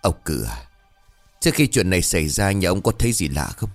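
A grave, slow-spoken village elder past seventy, as a male storyteller puts him on, deep and weighty in a spooky audio ghost story. His words land heavy and unhurried, with a lively rise and fall. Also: faint music behind. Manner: slow, solemn, commanding.

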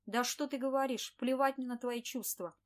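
A woman reading an audiobook, voicing a harsh, scornful male office boss who shouts at his employee. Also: a little high, a little fast, lightly acted. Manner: shouting, contemptuous. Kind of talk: audiobook character voice.

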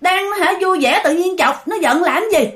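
A woman voicing a calm young man who gives his friends firm orders. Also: very high-pitched, a little slow, pitched above the performer's own voice, heavily acted.

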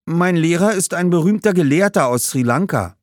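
A man's voice: fairly high pitch, animated, normal speed, no echo, clean studio sound, voice pushed up, lightly acted. A man reading aloud, voicing a curious, thoughtful young boy who talks in an earnest, questioning way.

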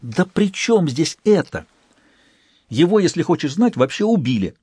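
A man voicing an indignant, sharp-tongued young woman who hisses and whines in a storybook reading. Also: fairly high pitch, big pitch swings, unhurried, husky, dry recording, studio quality, pitched above the performer's own voice, heavily acted. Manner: hissing, whiny and snappish.

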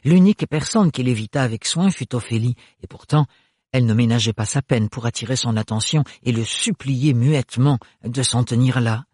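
A man narrating an audiobook in a measured, expressive reading voice, close to the mic. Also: medium pitch, slightly rough, no echo. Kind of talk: scripted narration.

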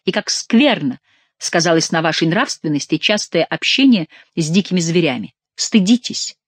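A woman's voice: on the low side, lively intonation, moderate pace, no echo. A woman voicing a mocking, ironic young male nobleman in an audiobook, with a teasing, mock-polite manner.

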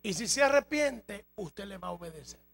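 A man preaching a sermon as a pastor, emphatic, his loudness rising and falling. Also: high-pitched, lively intonation, moderate pace, vocal fry, dry recording. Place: church hall.

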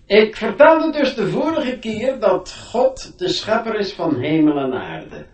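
A man plays a stern, pompous schoolmaster in a radio drama, scolding and sarcastic as he lectures solemnly and deliberately. His high voice is very animated with a darkish tone. The recording is roomy, with the mic set at a distance.

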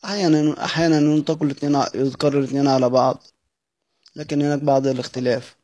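A man's voice: on the high side, level tone, racing, a little mellow. A man with an Egyptian accent gives a recorded lesson. He reads a classical text aloud, then explains it in everyday speech and asks himself questions as he goes. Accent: Egyptian Arabic. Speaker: teacher of Quran orthography. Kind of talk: recorded study-circle lesson.

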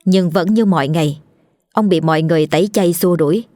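Low-voiced woman narrating a ghost story. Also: a little fast, dark tone, dry recording, studio quality. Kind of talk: scripted horror story narration. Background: faint music.

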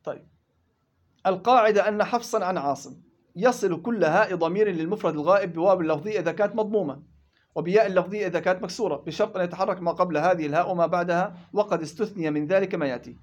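A man teaching tajweed rules in a classroom lesson, explaining quickly and chanting verse examples in between. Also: high-pitched. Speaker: Quran recitation teacher.

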